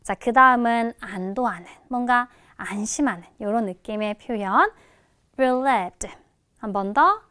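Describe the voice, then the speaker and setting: A woman teaching English listening in a recorded lecture, addressing students casually and modelling each word's pronunciation slowly. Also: fairly high pitch, expressive, pushed and bright, smooth, no room sound, studio quality.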